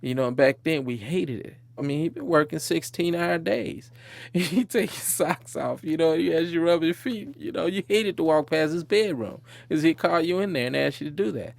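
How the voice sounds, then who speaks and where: A man's voice: fairly high pitch, normal speed, creaky, no room sound. A man being interviewed, recalling his childhood in a reflective way and chuckling now and then. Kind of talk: personal storytelling interview.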